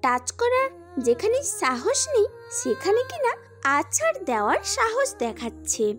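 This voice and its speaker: A woman voicing a feisty, sharp-tongued young woman in an audio story drama, teasing and scolding. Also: very high voice, wildly swooping pitch, a little slow, music in the background, heavily acted.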